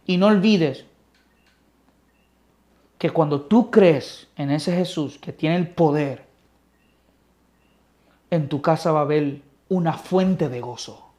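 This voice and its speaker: A man teaching a Bible study like a sermon, swinging between loud emphasis and soft near-whispers. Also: fairly high pitch.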